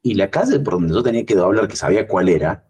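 An Argentine man chatting casually as a podcast guest, rambling and animated as he tells stories. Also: fast, breathy edge. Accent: Argentine Spanish. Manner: rambling storyteller, animated when recounting, lively pitch jumps. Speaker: guest cartoonist.

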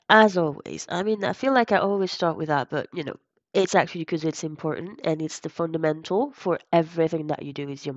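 A woman's voice: fairly low pitch, no room sound, highs cut off. A woman hosting a solo podcast in an upbeat, encouraging advice-vlogger manner, chatty and emphatic, often repeating herself for stress. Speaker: podcast host.

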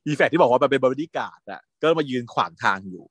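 A man casually recapping a TV drama as a podcast host, animated, laughing often and acting out lines. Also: mid-range voice, quick pace, slightly rough, no echo.

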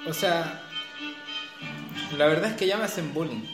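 A smug ghost of a dead writer, put on by a young Chilean man, talks down to everyone in a lofty, stilted tone. The voice sits fairly high. An echoey room with clear music behind. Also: normal speed, close to an everyday voice. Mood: pretentious. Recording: roomy echo, music behind.

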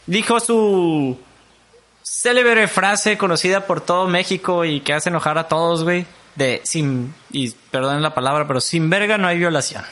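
Bright-voiced young Mexican man chatting. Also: sits high. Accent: Mexican Spanish. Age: young adult. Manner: slangy, animated, swearing. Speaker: podcast co-host. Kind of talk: casual chat.

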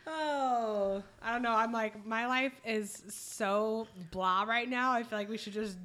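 A woman's voice: fairly high pitch, a little slow, fairly bright tone. A woman co-hosting a podcast in casual, irreverent chat, speaking in a blunt, slangy, exclamatory way. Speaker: podcast co-host.

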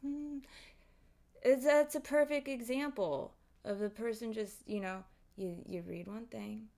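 Woman, podcast host, slightly high voice, casual opinionated rant, exasperated, emphatic, sweary. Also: unhurried, creaky, darkish tone. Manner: heavy swearing.

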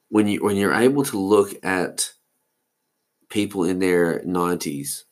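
Slow, deep-voiced man musing aloud. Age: 40s. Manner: musing, meandering, loses his thread. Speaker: podcast host. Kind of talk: solo rambling monologue.

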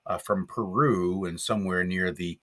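A man's voice: deep voice, fairly even intonation, moderate pace. A man co-hosting a podcast in casual chat, rambling with fillers and chuckles. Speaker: podcast co-host.

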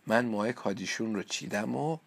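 A man reading a storybook aloud, voicing a timid, gentle young girl with a slightly raised voice. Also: lowish voice, gravelly, no echo. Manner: hesitant, soft-spoken.

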